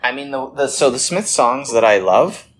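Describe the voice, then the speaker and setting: A man's voice: medium pitch, animated, moderate pace, fairly bright tone, slight background noise. A young man co-hosting a casual chat, joking, laughing often and swearing freely. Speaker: podcast co-host.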